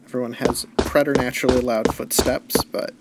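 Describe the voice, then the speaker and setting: A man's voice: medium pitch, flat delivery, normal speed, heavy background noise. A man giving casual, laid-back commentary on a game he is playing, thinking aloud and making dry jokes. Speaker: let's play host. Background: loud game music.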